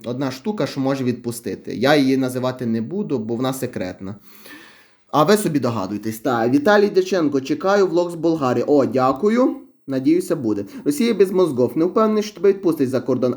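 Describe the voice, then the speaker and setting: A man's voice: on the high side, darkish tone. A young man, chatting casually as a vlogger while reading viewer comments, rambling and wry. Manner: chatty, rambling, wry about his own channel.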